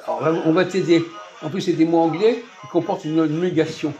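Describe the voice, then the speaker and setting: A man hosting a casual, teacherly chat in a fast-food restaurant, quizzing his guest with repeated questions and sudden bursts of emphasis. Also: fairly high pitch, warm tone, dull audio, soft background music.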